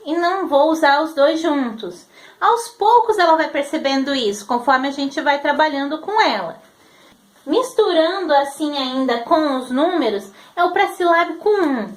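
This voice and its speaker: A woman teacher with a very high voice explains a lesson with patience. She stretches out words and sounds out their syllables slowly. The room around her adds a noticeable echo. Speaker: literacy teacher. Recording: roomy echo.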